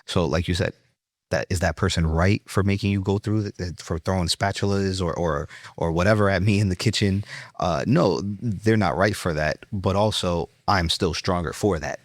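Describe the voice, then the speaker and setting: A man's voice: sits low, moderate pace, no echo. A man with a New York accent, a chef being interviewed, telling his story earnestly with fillers and restarts. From Brooklyn. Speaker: chef, guest.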